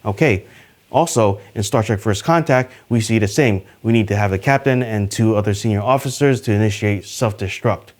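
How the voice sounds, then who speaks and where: A man hosting a casual trivia video, talking to the camera in an upbeat, chatty way with plenty of fillers. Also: moderate pace. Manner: enthusiastic, pitch jumps on list numbers. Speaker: YouTube host.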